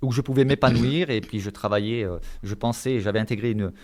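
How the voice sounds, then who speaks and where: A man from Marseille, France, speaks at a medium pitch and a fairly quick pace. He is a guest in an interview, a volunteer who visits the elderly, and he answers hesitantly, searching for his words.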